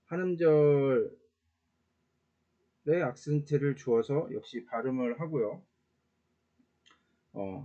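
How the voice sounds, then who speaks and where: Speaking at medium pitch in a warm, mellow voice, a man walks through Latin grammar in a relaxed online class. He goes step by step and slowly, with frequent "uh" fillers and occasional self-corrections, on a dull, lo-fi recording.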